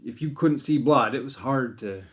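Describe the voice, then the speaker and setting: A man's voice: medium pitch, moderate pace. A man telling a hunting story on a podcast in a loose, rambling way. He restarts his sentences often and voices his own thoughts as he goes. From Maine. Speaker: podcast host and deer hunter. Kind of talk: casual storytelling chat.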